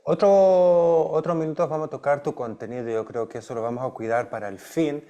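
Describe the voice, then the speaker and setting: Halting male interviewer, restarting phrases. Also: fairly high pitch, steady tone, warm tone, highs cut off. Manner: halting, restarts phrases while framing questions. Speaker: host, interviewer. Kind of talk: interview hosting.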